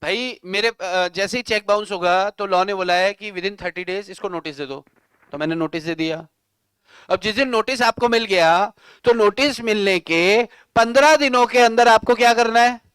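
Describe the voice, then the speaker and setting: Male lecturer, high clear voice, dry close sound, lively teasing classroom talk. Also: moderate pace, no echo. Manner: animated, teasing, scolds students in coarse slang. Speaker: law teacher.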